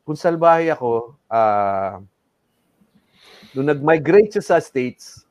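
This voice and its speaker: A middle-aged man telling a story as an interview guest, animated and switching between Tagalog and English, acting out what people said. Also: mid-range voice, slow pace, no room sound.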